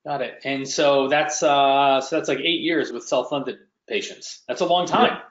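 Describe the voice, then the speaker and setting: Over roomy, dull video call audio, a middle-aged webinar host presents and interviews in a conversational way, full of ums and restarts. He speaks unhurriedly in a mid-range voice with a steady, fairly bright tone.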